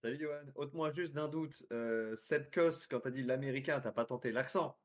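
Relaxed man co-hosting a podcast. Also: medium pitch, normal speed. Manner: relaxed, conversational with fillers. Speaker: co-host. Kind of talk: casual podcast chat.

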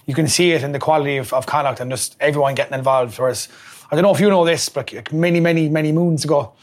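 A man's voice: a little high, fast. An Irish man hosting a rugby show, chatting casually in a rambling, enthusiastic way. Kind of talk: casual sports chat.

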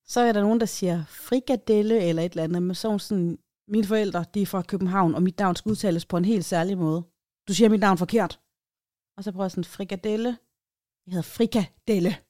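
An animated woman tells a story on a podcast and slips into other voices for the people she quotes. She sounds dry and close to the mic, with a middle pitch. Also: no room sound. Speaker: podcast co-host. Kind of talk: casual storytelling chat.

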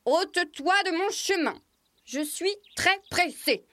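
Woman voicing a stubborn proud rooster, storybook, bright, dry close sound. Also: very high voice, animated, slow, no room sound, full character voice. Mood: bossy. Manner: pompous, commanding. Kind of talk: storybook acting.

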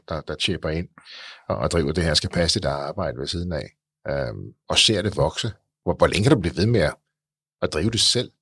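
A man's voice: deep voice, a bit bright, husky, no echo, studio quality. A male host interviewing a guest, often stumbling and repeating words as he asks encouraging questions. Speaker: podcast host. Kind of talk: interview conversation.

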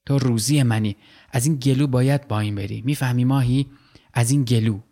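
A man's voice: mid-range voice, fairly even intonation, warm tone, lightly acted. A man voicing a boastful, fierce male river fisherman who taunts his prey in a storybook reading. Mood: taunting.

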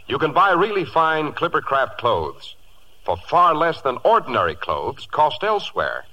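American guy, old timey radio ad announcer, bright punchy salesman delivery. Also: mid-range voice, rough recording. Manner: polished, emphatic salesman delivery. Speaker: announcer, sponsor pitchman. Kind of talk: 1940s radio commercial announcing.

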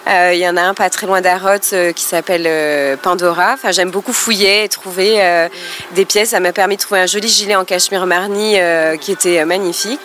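A woman guest talks in a calm, composed way, speaking in full sentences. A faint ambient noise sits behind her voice. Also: on the low side, a little fast. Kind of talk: casual chat.

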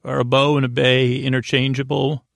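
This creaky-voiced podcast host talks listeners toward sleep in a meandering bedtime monologue, his medium-pitched delivery flat and a little bright. Halting and stammering, he drifts into tangents, staying soothing, lulling and somewhat goofy. There's no echo.

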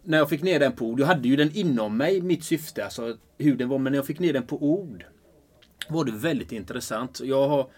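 A man speaking earnestly and enthusiastically as a life purpose coach in a relaxed conversation, often restarting his sentences. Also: mid-range voice. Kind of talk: casual conversation.

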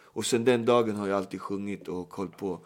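A middle-aged man telling stories in a casual podcast chat, acting out the voices of people he quotes. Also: lowish voice. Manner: animated storyteller, acts out quoted voices. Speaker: guest storyteller.

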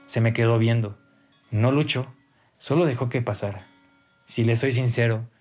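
A man tells a grim first-person horror tale. His delivery is tense and dramatic, climbing higher at the sharp turns. Faint music plays quietly under his voice. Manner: tense, dramatic, rises in pitch at key moments. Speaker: narrator.

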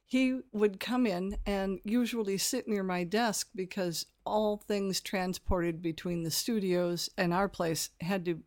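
Lively older woman telling stories. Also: medium pitch, unhurried, hardly any pauses. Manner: lively storyteller, acts out voices and laughs. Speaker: guest, former film effects studio receptionist. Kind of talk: animated anecdote telling.

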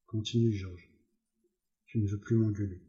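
A man's voice: fairly low pitch, steady tone, moderate pace, warm tone, roomy sound, close to an everyday voice. A man reading aloud, voicing a simple-minded, childlike farm worker who pleads eagerly, on a slightly dull recording. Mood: pleading. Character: simple-minded hulking male farmhand, childlike.

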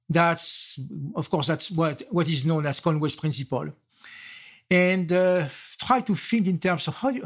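A man's voice: on the high side, a bit bright. An older man with a French accent, a guest in a podcast interview, explaining concepts point by point with frequent restarts. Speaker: guest, software architect. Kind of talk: interview answers.

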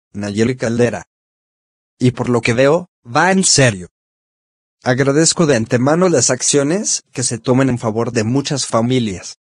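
A synthetic male text-to-speech voice, reading a scripted first-person diary in a measured, slightly stiff way. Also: mid-range voice, dry recording, studio quality. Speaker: columnist narrating his weekly diary.

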